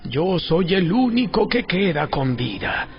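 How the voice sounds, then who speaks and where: An actor playing an anguished prophet, pleading and impassioned, in a dramatized audio Bible. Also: male voice, high-pitched, sing-song, unhurried, exaggerated voice. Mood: desperate pleading. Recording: dull sound with music. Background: music.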